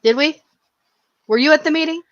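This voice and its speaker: A woman's voice: high-pitched, fairly quick, no echo, voice pushed up, natural voice. A woman voicing a blunt, matter-of-fact woman who keeps a butcher shop in a tabletop game. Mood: brisk. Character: brisk welcoming woman, vampire shop keeper. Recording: dull lo-fi, dry.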